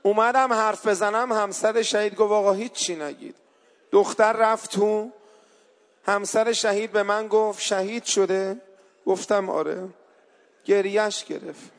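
A man's voice: high voice, steady tone. A man telling a mourning story as a sermon, voicing the people in it, then rising into a wailing chanted lament. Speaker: eulogist preacher.

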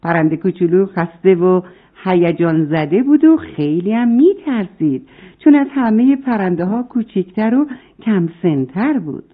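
A woman's voice: mid-range voice, expressive. A woman narrating a story for children, speaking to them directly, on a tinny recording. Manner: warm, addresses the children.

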